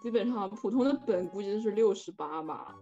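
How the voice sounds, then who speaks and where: A woman's voice: medium pitch, a little fast, warm tone. A young adult woman in casual conversation. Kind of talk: casual chat. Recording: dull lo-fi sound, music behind. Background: music.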